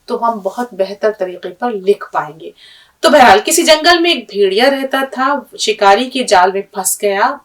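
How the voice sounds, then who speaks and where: Woman teacher, patient, spells letters out slowly, fairly high voice, mic far off in a classroom. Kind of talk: language lesson with a story.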